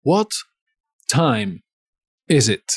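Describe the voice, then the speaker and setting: Man, Castilian Spanish accent, language teacher, very slow repetition, husky, dry close mic. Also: mid-range voice, very animated, no room sound. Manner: repeats phrases slowly and explains grammar in asides. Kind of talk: slow bilingual phrase lesson.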